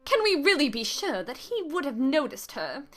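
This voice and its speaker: A woman reading game text aloud in an even, matter-of-fact way. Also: high voice, moderate pace. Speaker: game dialogue reader.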